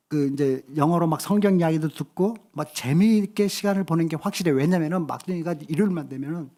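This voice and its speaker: A man preaching a church sermon, telling a family story in a lively, colloquial way. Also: fairly high pitch. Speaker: pastor.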